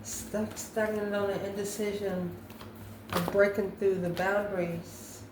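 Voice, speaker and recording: A female tarot reader speaks in a level, medium-pitched voice at a measured pace, improvising her reading. Musing aloud, she repeatedly asks questions and answers them herself, recorded with roomy echo and faint background noise.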